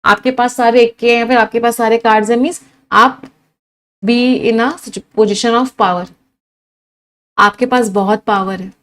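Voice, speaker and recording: A woman's voice: a little high, steady tone, a little slow, long pauses, a bit bright. A young adult woman with an Indian English accent teaching an exam-prep vocabulary lesson, mixing Hindi and English, repeating words and quizzing the viewer.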